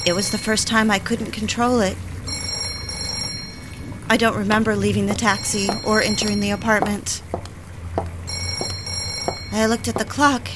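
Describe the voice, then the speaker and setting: A woman whose medium-pitched voice sounds close to everyday speech narrates an audio drama in the first person, playing a troubled woman who reflectively confides her descent into madness. It's scripted, and vehicle sounds and clear background noise are audible.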